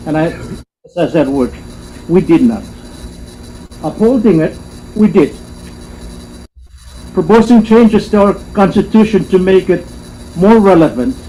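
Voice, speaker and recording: Man giving a measured formal speech. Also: high-pitched, mellow, rough recording. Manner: measured, emphatic repetition. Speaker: convention delegate. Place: assembly hall. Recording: faint room noise, live stream.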